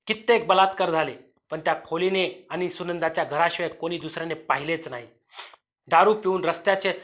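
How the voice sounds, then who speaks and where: A male storyteller narrates a dramatic audio story with a high voice. He reads slowly and with emotion, sometimes restarting a word. The tone is heavy and earnest. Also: a bit bright. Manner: slow, emotional, with some restarts.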